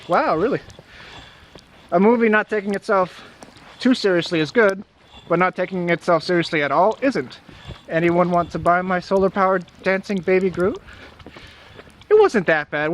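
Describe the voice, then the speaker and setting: A man's voice: high voice, normal speed, a little hiss or hum. A young man co-hosting a casual vlog outdoors in the snow, reading viewer comments and chatting with hesitant fillers and restarts. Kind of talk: casual chat.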